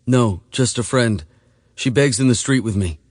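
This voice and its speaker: A man reading an audiobook voices a frightened, skinny nineteen-year-old runaway boy who speaks in halting, broken phrases and cries. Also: medium pitch, darkish tone, no echo, studio quality, close to an everyday voice. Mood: nervous. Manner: halting, fragmented speech, crying.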